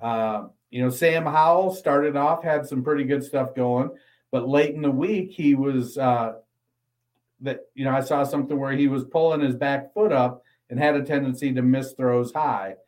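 A man co-hosting a football podcast, reading an ad and then talking through prospects in a measured, analytical way. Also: medium pitch, a little mellow, rough recording. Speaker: podcast co-host. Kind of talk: casual sports talk and ad read.

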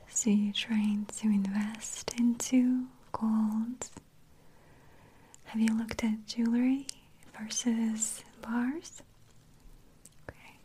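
Slow whispering woman, ASMR shopkeeper. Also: fairly high pitch, slight background noise. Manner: soft unvoiced whisper, unhurried sales talk.

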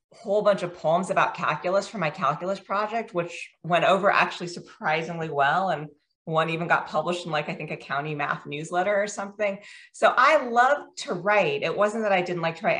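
This guest author is an American woman in her forties whose voice is fairly low in pitch, fairly bright, and at normal speed. In a casual interview she comes across chatty and self-deprecating, with many ums.

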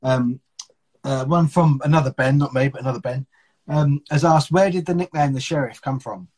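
Podcast host guy, kinda raspy, chill, reading out listener questions. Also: mid-range voice, moderate pace. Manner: relaxed, reads listener questions. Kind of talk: casual interview.

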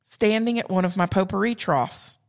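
A woman's voice: medium pitch, normal speed, gravelly. A woman with a Southern US accent, telling a humorous story in casual podcast chat. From South Carolina and Georgia. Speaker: podcast co-host.

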